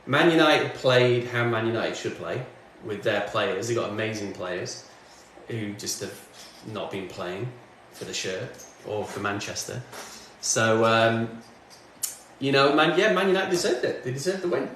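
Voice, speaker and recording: Chatty and busy with work, the music streamer from northwest England answers livestream comments at a measured pace. He has a fairly low-pitched, slightly bright voice. The mic is distant, so the indoor home studio sounds very echoey, and faint background noise is audible.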